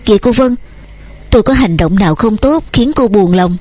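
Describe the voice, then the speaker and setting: A woman's voice: medium pitch, expressive, normal speed, warm tone, dry recording, faint music behind, close to an everyday voice. A woman voicing an earnest, devoted young man who courts eagerly and speaks at length.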